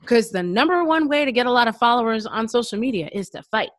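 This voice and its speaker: Chatty woman with a higher voice. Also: expressive, dry recording. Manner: quick, chatty, acts out quoted reactions. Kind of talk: casual conversation.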